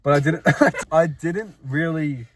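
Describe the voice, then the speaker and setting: A man's voice: on the high side, fairly even intonation, slow pace. A young man co-hosting a casual chat, telling work stories with frequent laughs and swearing. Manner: laughs often, swears, mocks customers. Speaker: podcast co-host.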